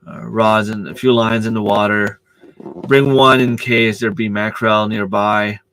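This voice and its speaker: This man, whose first language is French, runs a laid-back live stream on poor audio. His voice is low, steady, a bit bright and unhurried, and he keeps groping for words, filling pauses, restarting and reacting to viewers' comments live.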